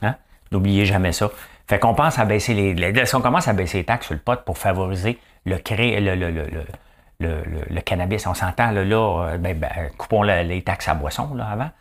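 Rambling Quebec man, lowish voice. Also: brisk. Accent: Quebec French. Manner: rambling, animated, many fillers and repeated words. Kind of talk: comedic political monologue.

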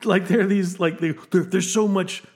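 A man's voice: high-pitched, normal speed. A man co-hosting a casual film podcast, rambling and acting out quoted lines as he talks. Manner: animated, rambling, often restarts and acts out quoted lines. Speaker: podcast co-host. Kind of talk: casual film-discussion chat.

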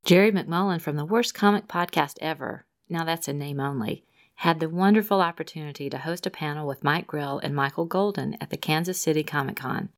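A woman's voice: low voice, a little fast. A woman co-hosting a podcast, reading listener mail with upbeat emphasis on the quotes. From Rhode Island, USA. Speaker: podcast co-host.

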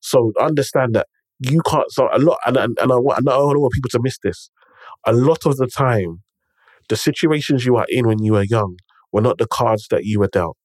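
This mid-range male voice moves a little fast and sounds slightly mellow, with no echo. He's an emphatic Londoner using urban multicultural slang, telling motivational stories conversationally while repeating phrases and often tossing rhetorical check-ins at the listener.

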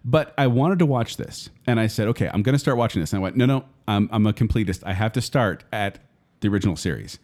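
A man's voice: fairly low pitch, expressive, fast, darkish tone. A middle-aged man co-hosting a casual pop-culture chat in an emphatic, exclaiming way. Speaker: podcast co-host.

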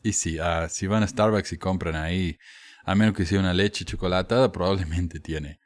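A man's voice: deep voice, fairly even intonation, normal speed, no echo. A man giving casual, frank commentary with a sardonic edge, hesitating and restarting as he talks. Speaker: commentator on religious texts.

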